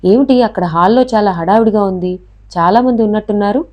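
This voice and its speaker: Injured hasty young man, read by a woman narrator, warm mellow voice, plain delivery. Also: mid-range voice, a little fast, lightly acted. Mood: recounting.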